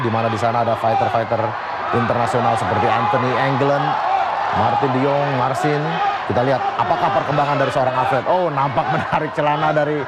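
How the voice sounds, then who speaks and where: Male live MMA analyst, emphatic repeats, very loud crowd and heavy noise around him. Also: medium pitch. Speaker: fight commentator and analyst.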